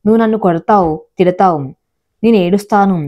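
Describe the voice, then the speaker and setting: A woman's voice: medium pitch, steady tone, fairly quick, dull audio, natural voice. A woman narrator voicing a hurt young wife in a spoken storybook, speaking in an earnest and plaintive way.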